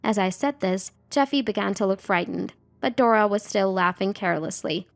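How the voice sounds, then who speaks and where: A woman reading a first-person revenge story as a scripted narration, in an even, measured way. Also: medium pitch, vocal fry.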